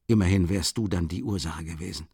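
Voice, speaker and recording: A man voicing a cynical, mocking gentleman villain with smooth irony in an audiobook reading. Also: low-pitched, a little fast, dry recording, studio quality, full character voice. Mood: sneering.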